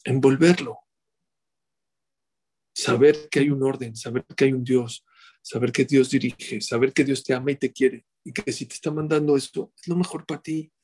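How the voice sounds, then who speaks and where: A middle-aged man delivers a rabbi's sermon. His voice has a husky edge, and he keeps asking his listeners rhetorical questions in an animated way. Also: mid-range voice, normal speed.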